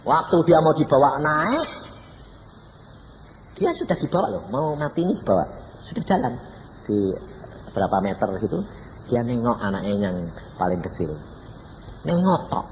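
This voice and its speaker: Older Javanese preacher, lively storytelling voice. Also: male voice, mid-range voice, normal speed, long pauses. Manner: storytelling, acting out dialogue in shifting voices, addresses listeners as "saudara". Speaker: evangelist preacher. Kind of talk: testimony sermon. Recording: long hall reverb, dull lo-fi, faint noise.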